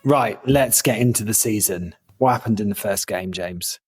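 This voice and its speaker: A man's voice: fairly low pitch, moderate pace, husky, dry recording, soft background music. A man co-hosting a podcast, narrating in a wry, chatty way. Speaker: podcast co-host.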